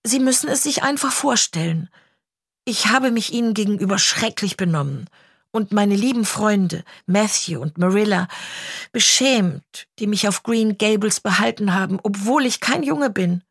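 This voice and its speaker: A woman's voice: medium pitch, expressive, moderate pace, gravelly, slightly rough, dry recording, clean studio sound. A woman reading an audiobook, voicing a chatty, dramatic orphan girl in a trembling, gushing way. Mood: pleading.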